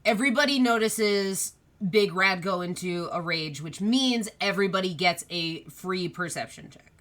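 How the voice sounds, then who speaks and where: A woman's voice: on the low side, normal speed, a bit bright. A woman speaking as game master, casually narrating a tabletop role-playing game and calling for rolls.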